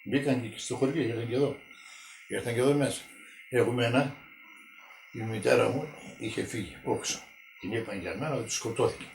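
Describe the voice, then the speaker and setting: A man, telling his wartime memories in a halting, repetitive way during an oral history interview at home. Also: mid-range voice, creaky. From Greece. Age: 90s. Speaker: witness interviewee. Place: village home indoors. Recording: echoey room with faint noise.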